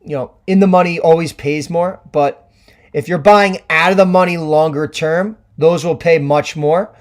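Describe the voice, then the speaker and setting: Hoarse man explaining trades on a livestream. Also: on the high side. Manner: chatty, many ums and restarts, explanatory. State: hoarse from screaming at games. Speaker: livestream trading host. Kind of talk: casual Q&A livestream, answering chat.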